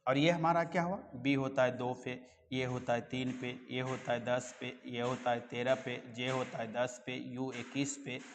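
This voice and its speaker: A man's voice: medium pitch, little pitch movement, normal speed, big-room sound, a little hiss or hum. A man teaching a reasoning class in a coaching classroom, coaxing his students and checking often that they follow. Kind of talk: classroom lecture.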